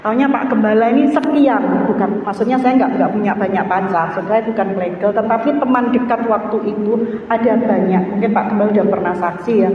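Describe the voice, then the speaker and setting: A middle-aged woman gives a church testimony, her voice climbing high and nearly breaking into shouts when she grows emotional. She sounds distant from the microphone and muffled. The sound carries a heavy, long echo through a large church hall. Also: a little fast, slight background noise. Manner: animated, pitch leaping high at emotional peaks, nearly shouting. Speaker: pastor's wife giving testimony. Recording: echoey dull hall recording from far off.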